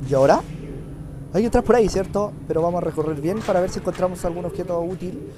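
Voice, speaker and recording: A young man with a Chilean accent commenting on a game playthrough, nasal from a cold, joking crudely and breaking into loud swearing yells. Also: sits high, fast. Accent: Chilean Spanish. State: has a cold, slightly nasal. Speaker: gameplay commentator. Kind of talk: casual let's-play commentary. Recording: game music playing behind.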